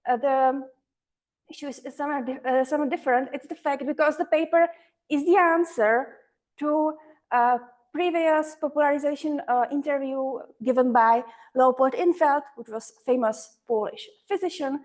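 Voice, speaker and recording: High-voiced, hesitant woman presenting. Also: normal speed. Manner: hesitant, self-correcting. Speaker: academic conference speaker. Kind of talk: conference paper presentation.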